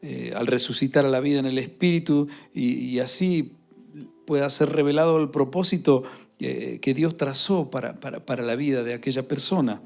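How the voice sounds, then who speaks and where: A male pastor preaching a sermon, pausing often with filler sounds and repeated words. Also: medium pitch, vocal fry, soft background music. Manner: grows louder and more fervent toward the close.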